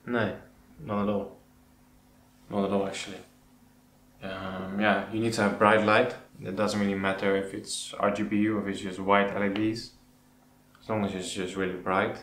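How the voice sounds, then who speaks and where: Hosting an aquascaping channel, a Dutch man with a fairly low voice answers questions to camera in a casual way, often pausing to think. His intonation is very flat. A clear room echo surrounds him, with faint background noise.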